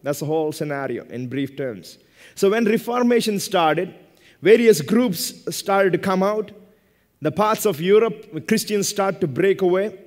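Standing at a lectern on a church stage indoors, a man in his thirties delivers a sermon with a voice that sits high, animated and a little slow. He preaches emphatically in short, repeated phrases, and the room adds a long hall reverb.

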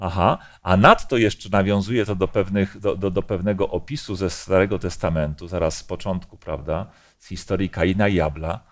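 A man's voice: low voice, moderate pace, hardly any pauses. A man leading a Bible study discussion, explaining passages and asking the group questions.

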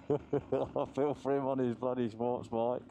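A man narrates his own motorbike ride in a laid-back, drawn-out way, laughing often and cursing casually. His voice sits at an ordinary pitch. It comes through a helmet mic with heavy engine and wind noise. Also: level tone. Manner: chatty, laughs a lot, swears casually. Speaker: motorcycle vlogger. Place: riding a motorbike outdoors on mountain roads.

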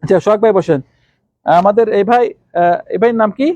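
A man teaching Arabic letters to a class, calling on students by name and repeating letter sounds slowly. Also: sits high, warm tone, no echo, lo-fi sound.

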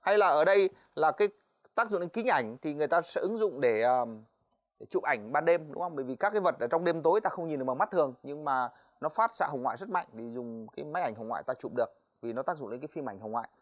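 Fast-talking male physics teacher. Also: fairly high pitch, lively intonation. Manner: quick, chatty, stops often on "đấy" and "ờ"; addresses students directly, asks "right?". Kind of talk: televised exam-review lecture.

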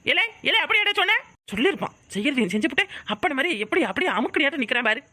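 A hot-tempered village mother from a cartoon, voiced by a woman, with a Kanyakumari Tamil accent. She scolds in a high, bright voice at a quick clip, loud and quarrelsome. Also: very animated, no room sound, clean studio sound, exaggerated voice. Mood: quarreling. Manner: shouting, scolding. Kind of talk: cartoon voice acting.

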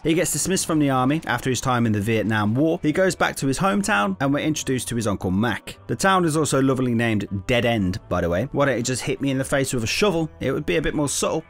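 A young man giving sarcastic, exasperated, sweary commentary as a video game reviewer. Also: medium pitch.

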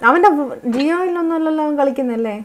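A woman's voice: sits high, quick pace, crowd noise. A young woman, chatting and teasing as she streams a game for her viewers. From Kerala. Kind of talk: live gameplay stream chat.

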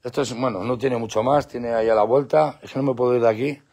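Outdoors at night, a slightly rough-voiced man talks fast into the phone he's holding, casually streaming live with his dogs. His tone is playful and coaxing, punctuated by high, excited calls to them.

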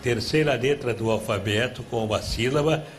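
Um homem brasileiro apresentando um programa de auditório ao vivo, lendo pistas devagar e provocando as participantes. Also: male voice, mid-range voice. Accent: Brazilian Portuguese. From Brazil. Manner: reads clues slowly, teasing contestants. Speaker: game show host. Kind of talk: live TV game show hosting. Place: TV studio with live audience. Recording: clear background noise from a TV studio.

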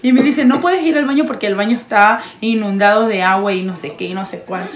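A woman's voice: medium pitch, fairly quick, reverberant. A woman telling a story in casual chat, acting out what people said and laughing often. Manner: acts out quoted lines, laughing often. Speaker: fiancée telling her story.

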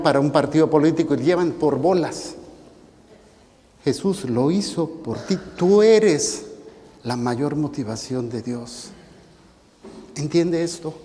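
A Mexican priest preaching a lively, joking homily full of acted quotes. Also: male voice, a little high, in a large hall. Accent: Mexican Spanish. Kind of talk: sermon.

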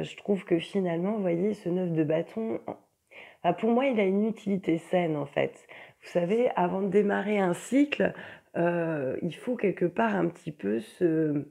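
Chatty lady doing a tarot reading, kinda low and mellow voice, lots of euh. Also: creaky, slightly rough. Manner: chatty, many fillers and asides. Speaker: tarot reader. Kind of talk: casual tarot reading to camera.

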